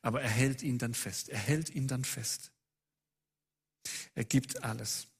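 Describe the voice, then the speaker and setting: A man's voice: medium pitch, fairly even intonation, measured pace, creaky, breathy edge. A man preaching a sermon who presses his listeners with a long run of urgent rhetorical questions.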